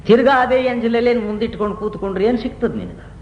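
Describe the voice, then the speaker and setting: A man's voice: very high-pitched, fast, highs cut off. A man giving a devotional discourse to a gathering, telling stories and asking rhetorical questions. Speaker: spiritual teacher. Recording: roomy 1990s satsang recording with faint hiss.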